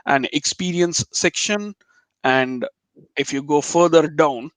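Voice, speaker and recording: A man's voice: fairly high pitch, slow pace, a bit bright, dry recording, low-quality recording. A man from Chennai with a Telugu Indian accent, chatting casually as a webinar guest in an informal, jokey, digressive way. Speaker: guest speaker, web developer.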